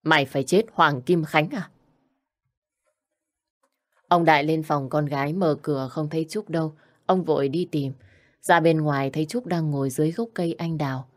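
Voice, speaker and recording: A woman narrating an audio story in a calm, even way. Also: deep voice, a little fast. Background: faint music.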